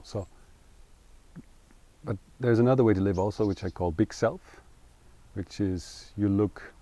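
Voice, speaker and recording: A middle-aged man, speaking in English, talking earnestly and thoughtfully in an interview and pausing to find his words. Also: low voice, warm tone, slightly rough. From Denmark. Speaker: co-founder interviewee. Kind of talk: reflective interview talk.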